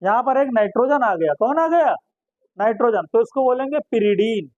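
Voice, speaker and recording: A man's voice: extremely high pitch, lively intonation, moderate pace, a little mellow, no echo, highs cut off. A man giving a chemistry lecture to students, asking questions and then answering them himself and repeating each term. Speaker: chemistry teacher. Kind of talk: classroom lecture.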